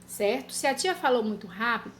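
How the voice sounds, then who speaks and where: A woman teaching small children in a lesson video, coaxing them along with tag questions and slowly dictating sentences twice over. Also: a little high, lively intonation, fairly bright tone, a little hiss or hum. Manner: dictates sentences slowly, repeating each one. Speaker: primary school teacher. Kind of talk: slow, clear lesson for young children. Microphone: recorded lesson video.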